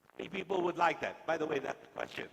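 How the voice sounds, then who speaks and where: A man's voice: a little high, animated, quick pace, creaky, slight background noise. A male guest lecturer speaking to police officers in a large lecture hall, joking with and teasing the audience. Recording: long hall reverb.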